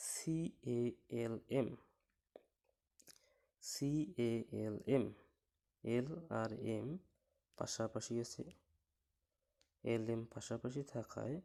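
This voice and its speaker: Speaking at medium pitch with vocal fry and a mellow quality, this man teaches English pronunciation rules step by step and slowly. He spells words out letter by letter, patiently asking questions and then answering them himself.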